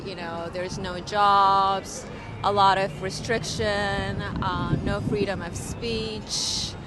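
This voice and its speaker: Slow-speaking woman from Ethiopia, hesitant. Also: medium pitch. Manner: hesitant, with many fillers. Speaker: interviewee. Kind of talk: street interview answers. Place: outdoors on a city street. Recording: noisy street with traffic.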